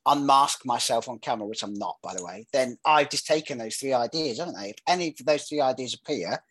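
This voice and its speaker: A man with a northern English accent hosts a casual football podcast. His voice sits at an ordinary middle pitch, and he rambles through self-deprecating banter. The sound is dry, with very little room in it. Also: lively intonation, quick pace, fairly bright tone, no room sound. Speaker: podcast host.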